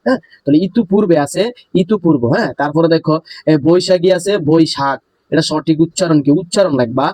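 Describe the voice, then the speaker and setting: Fast-talking young male tutor, dry close sound. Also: fairly high pitch, darkish tone, no echo, rough recording. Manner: brotherly, repeatedly calls students "bhaiya". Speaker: teacher. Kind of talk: exam-prep tutorial.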